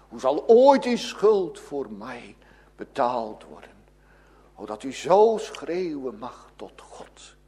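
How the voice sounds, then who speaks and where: A man preaching a sermon in a fervent way, moving between loud pleading and hushed, low passages. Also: breathy edge. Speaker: pastor.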